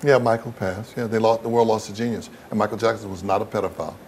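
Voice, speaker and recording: A man with a low-pitched voice answers interview questions candidly and bluntly, talking fast in a steady tone. He presses on his words and repeats phrases to drive them home, with some background noise underneath.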